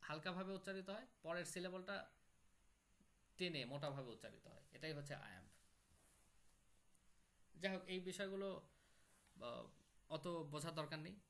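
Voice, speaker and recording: A man's voice: fairly high pitch, normal speed, pauses often, fairly bright tone. A man teaching an online poetry class, explaining step by step and repeating key terms.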